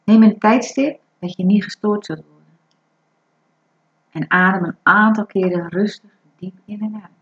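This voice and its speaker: A woman guiding a breathing meditation in a calm, soothing, instructive way. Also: medium pitch, measured pace. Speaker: meditation guide. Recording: dull lo-fi recording.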